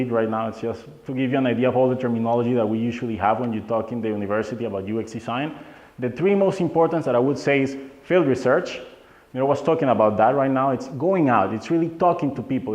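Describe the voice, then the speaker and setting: A man's voice: mid-range voice, a little mellow. Guy running a workshop, loose english, asks the crowd stuff, muffled echoey hall recording. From Venezuela. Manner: loose, non-native phrasing, asks the audience questions. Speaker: workshop speaker. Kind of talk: live workshop lecture. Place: meetup hall.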